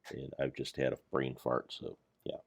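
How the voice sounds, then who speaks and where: A man's voice: rumbling low, completely flat delivery, moderate pace, gravelly, no room sound, studio quality. An older man giving rambling, self-deprecating commentary over his gameplay of a Minecraft mod pack. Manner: meandering, self-deprecating, jokey.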